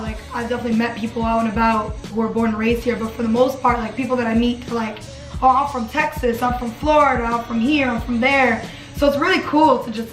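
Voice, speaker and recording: A woman's voice: fairly high pitch, echoey room, low-quality recording. A woman in her twenties chatting casually in her dorm room as a vlogger, filling her talk with "like". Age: 20s. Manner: chatty, lots of "like" fillers. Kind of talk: casual chat.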